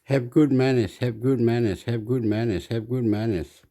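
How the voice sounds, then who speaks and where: A man's voice: medium pitch, normal speed, mellow. A man from Chile, rambling through casual commentary, repeating himself and laughing often. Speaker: vlogger commenting on a video.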